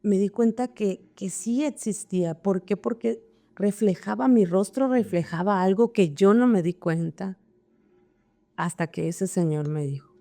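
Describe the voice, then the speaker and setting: A woman's voice: medium pitch, measured pace, mellow. A woman who is an interview guest, telling her life story in an emotional way and repeating words as she remembers. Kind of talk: personal life story in conversation.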